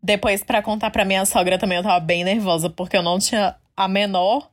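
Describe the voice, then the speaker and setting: A young woman from Brazil, a podcast co-host, telling a family story in casual chat, animated and often laughing. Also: medium pitch, a little fast.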